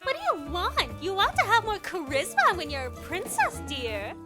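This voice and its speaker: A woman's voice: very high voice, wildly swooping pitch, normal speed, full character voice. A woman voicing a bubbly, bossy young princess in a cartoon dub, with a gushing, mock-regal and theatrical manner. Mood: condescending. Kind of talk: animated comic dub acting. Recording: playful children's music behind.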